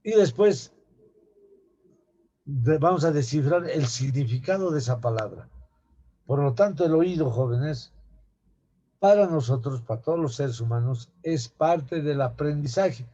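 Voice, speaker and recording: A man's voice: on the high side, animated, measured pace, pauses often, warm tone. A man giving an anatomy lecture to students, often asking rhetorical questions and calling them "young people.". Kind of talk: classroom lecture. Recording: dull lo-fi classroom recording.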